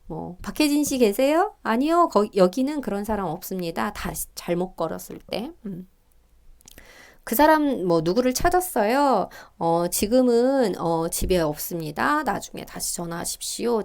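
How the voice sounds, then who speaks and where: A middle-aged woman teaching Korean, working through reading test questions and reading the example dialogues aloud in a higher, livelier voice. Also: creaky, a little mellow. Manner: thinks aloud with fillers and small laughs.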